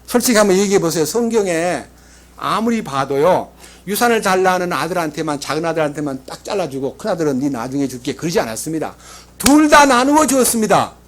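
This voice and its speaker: A male pastor delivers a sermon in a lively storytelling way. His voice sits notably high for a man, and he swings between loud emphasis and soft asides. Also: a little fast.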